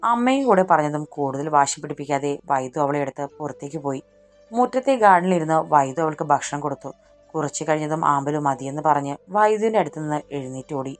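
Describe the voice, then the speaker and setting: A woman narrating a romantic story audiobook in steady scripted narration. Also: sits low, fast talker, soft background music.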